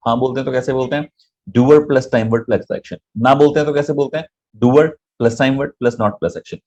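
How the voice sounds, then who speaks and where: A man with a medium-pitched, slightly mellow voice teaches an online English grammar lesson. He explains in Hindi mixed with English, frequently asking his viewers "right?"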